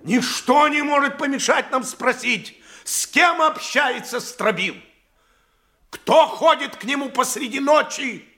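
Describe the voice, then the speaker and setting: An actor plays a pompous, bombastic orator in theatrical audio drama style, haranguing the city fathers with indignant, scandalous accusations and rhetorical questions. His exaggerated voice is very high-pitched and sharp, delivered at a measured pace, sounding insinuating and outraged.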